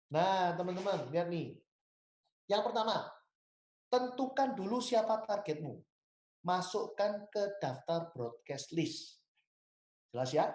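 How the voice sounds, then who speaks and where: A man's voice: high voice, darkish tone, a little hiss or hum. Javanese-accented man coaching salespeople. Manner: emphatic, coaching, mixes in Javanese and English words. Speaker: insurance sales trainer. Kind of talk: sales training talk. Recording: roomy echo.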